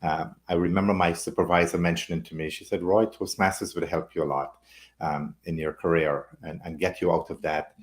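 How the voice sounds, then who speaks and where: A man's voice: low-pitched, fairly even intonation, brisk. A man from Guyana, a guest in an interview, telling his story in a friendly, expansive way with rhetorical asides. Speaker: guest, public speaking leader.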